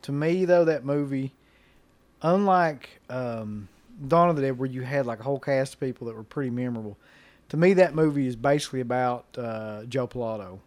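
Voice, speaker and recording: A man's voice: medium pitch, a little fast, darkish tone. A man co-hosting a podcast, in laid-back, profane casual chat about horror films. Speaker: podcast co-host.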